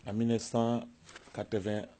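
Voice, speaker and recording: A man interpreting testimony in court with a steady, quiet delivery. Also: on the low side, normal speed.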